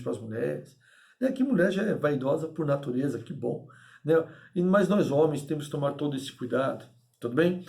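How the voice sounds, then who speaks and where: A man giving a lecture to his class, lively and emphatic, often asking his listeners if they agree. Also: a little high, creaky. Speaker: instructor.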